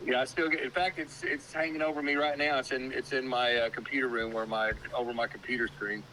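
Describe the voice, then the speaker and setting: A man in his sixties, a podcast guest, telling hunting memories in a steady, plain-spoken way. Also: medium pitch, fairly quick, slight background noise, poor audio. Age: 60s. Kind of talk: casual chat.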